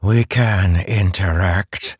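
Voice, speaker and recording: A man voicing a stern, measured female dragon goddess who speaks gravely. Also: low-pitched, no room sound, studio quality, exaggerated voice.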